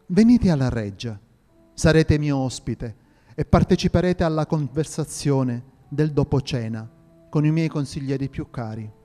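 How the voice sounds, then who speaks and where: A stately medieval emperor, as a man plays him, speaking in a measured, regal way, lower than the reader's own voice. The tone is mellow and unhurried, echoing in a large hall with faint music. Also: close to an everyday voice. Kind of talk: audio drama reading.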